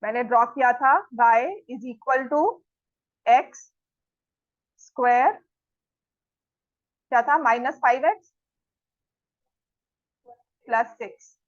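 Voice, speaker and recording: This high-voiced woman takes it slowly, pausing often, as she teaches maths and checks that her class follows. Her intonation is fairly even, and she scolds the students firmly, speaking directly to them. The lo-fi recording is dry and somewhat dull, with no room sound.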